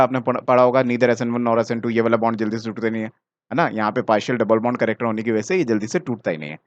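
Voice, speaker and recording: A man's voice: medium pitch, no echo. Indian male teacher explaining step by step. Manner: explains step by step, mixing English terms into Hindi; talks directly to the student, often checking "ठीक है ना". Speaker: chemistry teacher. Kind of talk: exam solution walkthrough. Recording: dry, slightly dull mic sound.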